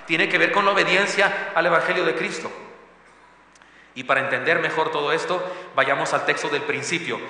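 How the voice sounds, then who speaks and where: A man's voice: on the high side, normal speed, pushed and bright. A man preaching a sermon as pastor, ironic and calling the congregation to read along. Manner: ironic, imitates showy pleas and asks the congregation to read along. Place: church sanctuary. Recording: echoey reverberant church hall.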